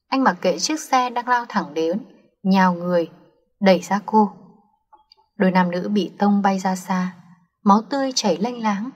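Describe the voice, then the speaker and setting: A woman's voice: medium pitch, darkish tone, slightly rough, dull audio. Woman narrating a drama with reverb. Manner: emotive reading. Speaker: audiobook narrator. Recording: long reverb.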